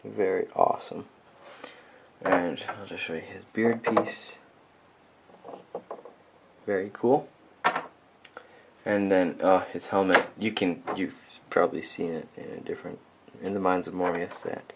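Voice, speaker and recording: A man's voice: sits low, fairly even intonation, a little slow, creaky, long pauses, heavy background noise. A man casually reviewing a toy set on camera, rambling and enthusiastic with many ums and likes. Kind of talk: casual unscripted product review.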